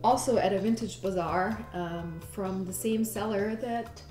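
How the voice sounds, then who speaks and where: This young German woman, a fashion blogger from Munich, talks a little slowly in a dark, mid-range voice. In a relaxed interview she eagerly walks through her wardrobe, her speech sprinkled with "like" and "you know," while music plays in an echoey room.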